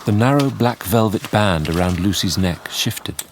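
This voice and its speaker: Doctor Seward, a deep-voiced sombre narrator. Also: male voice, a little hiss or hum. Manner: measured, confiding. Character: sombre male Victorian doctor narrating his memories. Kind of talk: scripted radio drama narration.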